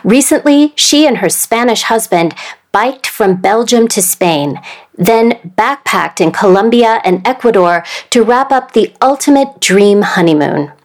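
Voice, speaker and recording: A woman hosting a studio interview, reading a measured introduction and then asking questions with soft affirming murmurs. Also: fairly high pitch, expressive. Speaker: podcast host.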